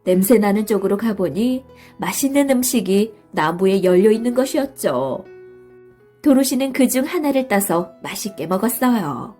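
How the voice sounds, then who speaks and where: A woman narrating a bedtime story in a soft, slow, soothing way, with faint music behind her. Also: mid-range voice, expressive.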